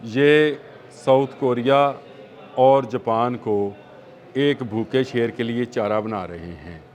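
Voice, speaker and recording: A man's voice: mid-range voice, slow, a little mellow. Emphatic Pakistani-accented man analyzing news. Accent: Pakistani Urdu. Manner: emphatic, repetitive, with hesitant fillers. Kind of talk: studio news discussion.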